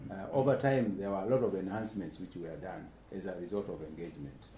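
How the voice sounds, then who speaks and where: Deep-voiced man speaking at a panel. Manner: halting, many uh fillers, earnest. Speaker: keynote speaker on urban planning. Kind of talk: panel discussion answer. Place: lecture room. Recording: echoey room, faint hiss.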